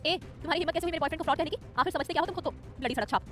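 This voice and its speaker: A woman voicing Tara, a brash, quick-tempered young woman contestant, in an audio love story. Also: high voice, expressive, faint music behind, voice pushed up. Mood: indignant.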